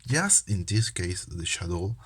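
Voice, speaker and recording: A young Peruvian medical student with a Peruvian Spanish accent chats casually to his channel viewers in a card game video. His very low voice is very animated with a breathy edge. He's hesitant and self-deprecating, pausing on fillers and restarting sentences often.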